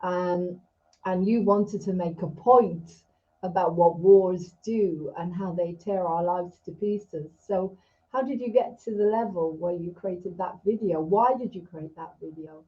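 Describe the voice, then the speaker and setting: A woman raised in Israel hosts an interview over a video call, speaking in an emphatic, rambling, heartfelt way. Her voice is on the low side and her pace is measured, with dull lo-fi video call audio.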